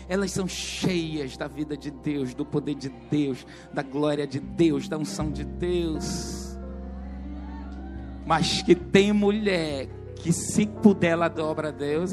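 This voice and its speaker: A man preaching a sermon in a church service, telling stories in an animated way and calling on the congregation to respond. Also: on the high side. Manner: animated storytelling, calls on the congregation.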